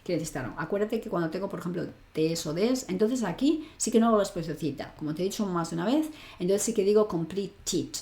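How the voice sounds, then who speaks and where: Gravelly low-voiced woman teaching. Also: expressive, dark tone, echoey room. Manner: explains patiently, reads English example sentences slowly. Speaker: English teacher. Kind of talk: online language lesson.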